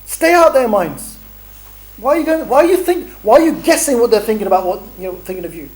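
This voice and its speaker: A middle-aged man leading a training workshop, animated and bantering, acting out street encounters as he talks. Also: sits high, fast, rough recording. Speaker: dawah trainer. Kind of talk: energetic workshop talk.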